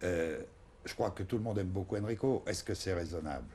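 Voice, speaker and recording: A male TV talk show host who asks probing questions in a lively way. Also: low voice, fairly quick, a little hiss or hum.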